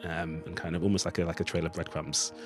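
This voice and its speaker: A man who wrote a radio play gives a thoughtful, discursive interview, reflecting in a conversational way. He speaks fast in a low, level voice over music.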